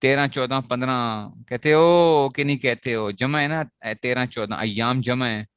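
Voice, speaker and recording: A man's voice: medium pitch, unhurried, fairly bright tone, clear, resonant tone, no echo. A man teaching a grammar lesson to students, asking questions and answering them himself as he repeats the key points. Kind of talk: classroom lecture on Arabic grammar.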